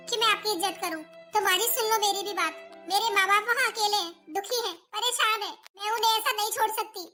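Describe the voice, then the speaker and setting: A woman voicing an earnest, dutiful young daughter-in-law in a cartoon, with soft music underneath. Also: very high-pitched. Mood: determined. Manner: pleading, earnest. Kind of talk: cartoon voice acting.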